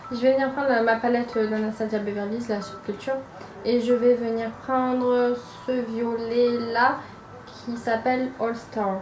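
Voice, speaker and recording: A young woman chats her way through a makeup tutorial at home, hesitant and full of little fillers. Her voice sits a touch high and rings around an echoey room, with music playing clearly behind her. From France. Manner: chatty, hesitant, with frequent fillers. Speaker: makeup vlogger. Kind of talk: casual makeup tutorial narration. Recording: roomy echo with music behind.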